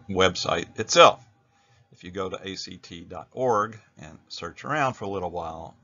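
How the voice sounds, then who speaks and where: A man's voice: deep voice, bright, forceful tone, lo-fi sound. An American man narrating an instructional video as a teacher, explaining things in a plain-spoken way.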